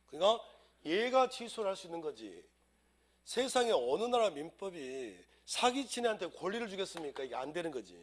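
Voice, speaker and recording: A man lecturing on civil law to exam students, with a slightly raised voice. His pitch swings widely as he drills the class in call-and-response chants. He acts out little household scenes to explain the rules. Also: slightly rough.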